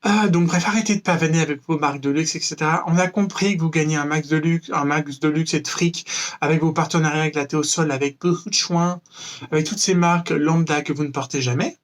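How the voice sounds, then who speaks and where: A young man from France rants to camera with mocking sarcasm. His voice sits a little high for a man, and he rambles through fillers and restarts as he goes. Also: steady tone, a little fast. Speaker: vlogger. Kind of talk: freestyle rant to camera.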